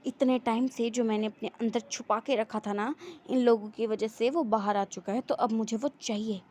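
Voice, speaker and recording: A woman's voice: on the high side, fairly even intonation, normal speed, lightly acted. A woman voicing a menacing mafia boss. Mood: grim. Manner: threatening, taunting, shouts in bursts.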